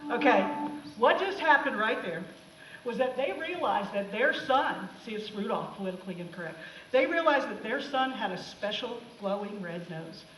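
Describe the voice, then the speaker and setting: A woman teacher giving a sarcastic, animated comic talk to students about a film. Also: a little high, moderate pace, slight background noise. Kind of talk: comic classroom talk over film clips. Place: classroom. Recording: echoey room, mic far off.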